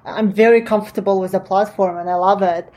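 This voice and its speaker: A woman's voice: mid-range voice, steady tone, a little fast, dark tone. A woman in her late twenties from Kazakhstan with a Russian accent, a native Russian speaker, chatting as a podcast guest in a friendly way with many fillers and restarts. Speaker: guest entrepreneur. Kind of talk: casual interview chat.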